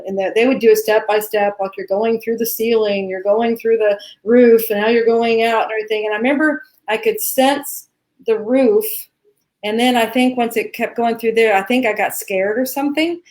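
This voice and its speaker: A woman in her sixties co-hosting a live Q&A, talking in a relaxed, rambling way. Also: on the high side. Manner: relaxed, rambling, gentle laughs. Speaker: co-host. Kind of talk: casual conversation on a live Q&A.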